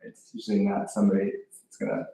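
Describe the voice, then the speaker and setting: A man's voice: fairly low pitch, big pitch swings, vocal fry, mellow. A man, a yoga teacher and co-host, chatting casually and asking curious follow-up questions. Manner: curious, quick questions and short reactions. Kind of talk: casual chat. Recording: echoey room, voice from a distance.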